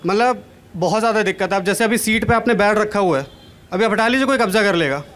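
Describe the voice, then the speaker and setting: A man's voice: high-pitched, quick pace, fairly bright tone. Young man doing stand-up on a live stage. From Kanpur, India. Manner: chatty, self-deprecating punchlines. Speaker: stand-up comedian. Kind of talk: stand-up comedy set. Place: large stage at an event, indoors. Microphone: handheld mic.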